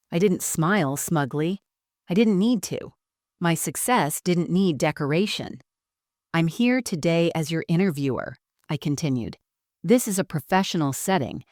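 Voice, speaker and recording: A woman narrating a first-person story in a calm, measured, composed way. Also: fairly low pitch, dry recording, clean studio sound.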